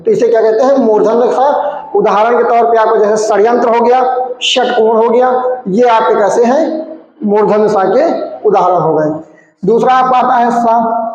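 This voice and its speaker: A man's voice: high-pitched, darkish tone. A young man teaching an exam-prep grammar lesson, asking questions and answering them himself, with frequent "theek hai" check-ins. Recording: very echoey room, long reverb, dull sound.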